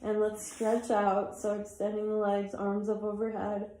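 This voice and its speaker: A woman leads a yoga class, giving pose cues in a mellow, tired voice. She chats between instructions as if her students were in the room. The room gives her voice a noticeable echo. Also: mid-range voice, completely flat delivery, unhurried. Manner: chatty, apologizes for talking too much. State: tired, yawning. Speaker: yoga teacher. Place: athletic club room.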